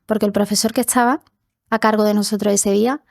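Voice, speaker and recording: As a podcast interview guest, a young woman gives a personal testimony in a steady, mid-range voice with vocal fry, talking fast. She is earnest and occasionally voices people from her childhood. Captured on a podcast studio mic, it has no room sound.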